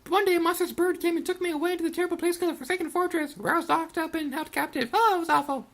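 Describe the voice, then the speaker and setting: A woman's voice: very high voice, fairly even intonation, soft background music, pitched above the performer's own voice. A woman voicing a young girl, a rich debutante fallen into poverty, in a theatrical, pleading and self-pitying way as she reads game dialogue. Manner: theatrical, pleading, rapid gushing delivery. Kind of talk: reading game dialogue aloud in a put-on voice.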